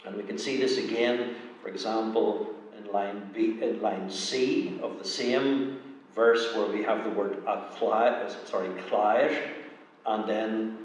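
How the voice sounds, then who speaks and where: A man giving a measured, explanatory lecture presentation on poetry, pausing often with "uh". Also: on the low side, steady tone, a little hiss or hum. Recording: echoey hall, mic at a distance.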